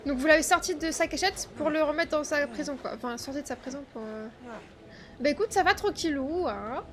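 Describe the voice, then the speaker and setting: A woman's voice: sits high, expressive, brisk, a bit bright. A woman giving chatty, informal commentary as she plays a story game, muttering asides. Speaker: game streamer. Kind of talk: casual gameplay commentary, reacting to a story game.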